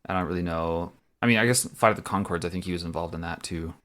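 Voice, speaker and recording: Co-hosting a movie podcast, a young man chats casually and rambles, filling his talk with fillers and easy laughter. His voice sits low, a bit bright, and he speaks at a quick pace.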